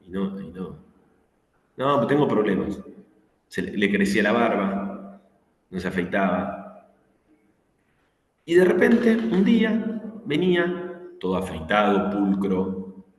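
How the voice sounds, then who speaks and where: Rioplatense male teacher, low register, anecdotal lecturing; roomy long-reverb space. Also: unhurried, pauses often. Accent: Rioplatense Spanish. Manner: anecdotal, with acted quotes and fillers. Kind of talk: online class lecture. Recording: echoey room with long reverb.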